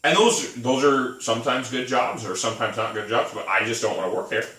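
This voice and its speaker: Bright and pushed, this man's medium-pitched voice runs a little fast as he co-hosts a casual podcast chat in his thirties, rambling through stories and laughing a lot. The mic sits at a distance in a room with echo.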